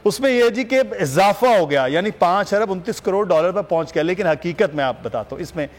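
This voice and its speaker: Anchor guy breaking down the numbers, highish voice, bit of reverb. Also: animated, a little fast. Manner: explanatory, walks viewers through figures. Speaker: news anchor. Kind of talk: talk show hosting.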